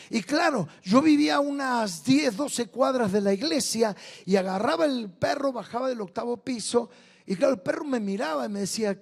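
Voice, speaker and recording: High-voiced Argentine pastor telling stories. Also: male voice. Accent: Argentine Rioplatense Spanish. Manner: animated storyteller, swings between soft intimate asides and loud bursts. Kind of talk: storytelling sermon. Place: church meeting with live audience.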